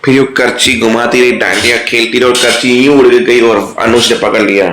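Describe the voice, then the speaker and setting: A man casually recapping a TV serial episode, retelling scenes rapidly and acting out the characters' lines. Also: medium pitch, level tone, fairly bright tone, slight background noise.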